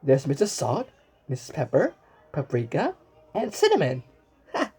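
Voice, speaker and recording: A woman with a low, mellow, slightly rough voice reads a children's storybook aloud, her pitch swooping wildly. She exclaims, asks the listener questions and pauses as if hearing answers, often stumbling over and repeating words in this animated read-aloud with asides to the viewer.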